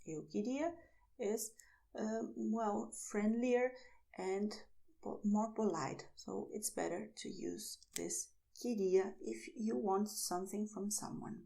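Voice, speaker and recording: A woman teaching a language lesson, saying phrases slowly and then explaining them. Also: medium pitch, steady tone, gravelly, mellow. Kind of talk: slow, clear language lesson.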